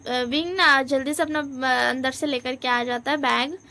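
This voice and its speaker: A woman's voice: high-pitched, steady tone, normal speed, pushed and bright. A woman casually retelling a fan story with many hesitant fillers.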